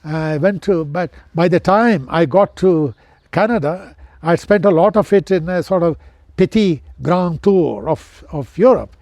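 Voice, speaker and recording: A man of ninety with a posh Indian accent, reminiscing as an interview guest in an educated, measured way with hesitant pauses. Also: a little high, darkish tone, no room sound, studio quality. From central India. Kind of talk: reminiscing in conversation.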